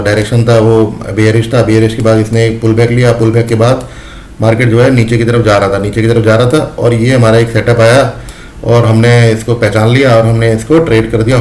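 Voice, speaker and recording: A man's voice: mid-range voice, a little mellow, a little hiss or hum. Echoey Hindi trading teacher, man. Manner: repetitive, addresses listeners as friends. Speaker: trading educator. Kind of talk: explanatory lesson.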